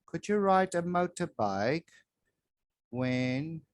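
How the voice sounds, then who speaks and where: A man teaching English to children, reading a grammar worksheet aloud slowly with long pauses, recorded on a phone over a desk. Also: on the high side, lively intonation. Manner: slow, drawn-out reading with pauses. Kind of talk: slow worksheet walkthrough for children. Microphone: phone filming a worksheet from above.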